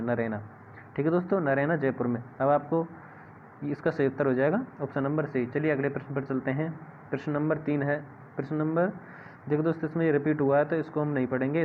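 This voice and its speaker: A man teaching an exam-prep lesson, often asking viewers a question and answering it himself. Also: mid-range voice. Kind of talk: classroom-style exam lesson. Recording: tinny phone-like audio with faint hiss.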